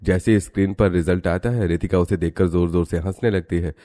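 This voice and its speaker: A man narrating an animated cartoon story in a steady storytelling manner. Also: deep voice, a little fast.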